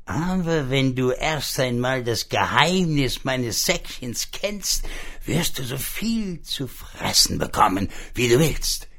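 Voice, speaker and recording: A sly magic pig from a comic storybook, played by a male storyteller, explaining a secret in a slow, lecturing, conspiratorial way. His voice is gravelly and swings up and down with emphasis. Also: mid-range voice, very animated, bright, forceful tone, full character voice.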